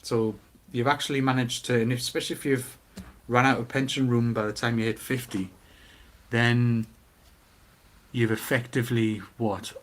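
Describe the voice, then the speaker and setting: With a moderate pace and medium pitch, a middle-aged man from Newcastle gives his opinions in broad Geordie. The chat is casual but animated, driven by rhetorical questions. He tells his tales vividly, voicing the quotes himself.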